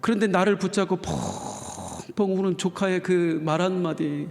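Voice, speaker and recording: A man preaching a sermon as pastor, telling a story with emotion and voicing the characters with sudden loud outbursts, in a church sanctuary. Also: sits high, expressive, a little slow, creaky, faint music behind. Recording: long reverb of a church hall.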